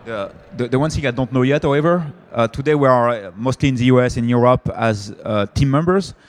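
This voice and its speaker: Fairly quick and medium-pitched, this French panelist and company founder talks with a French accent at a conference. His delivery is hesitant, full of fillers and restarted phrases.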